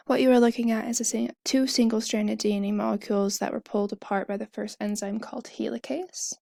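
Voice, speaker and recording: A young woman explains in a loose, chatty way, stopping to fix her own wording as she goes. Her fairly high voice has a gravelly fry to it. The recording is dry and close, with no room sound. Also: little pitch movement, fast talker, warm tone, no room sound. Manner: chatty, self-correcting, fillers and asides. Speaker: student explaining a topic. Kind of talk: casual explanation while drawing on a whiteboard.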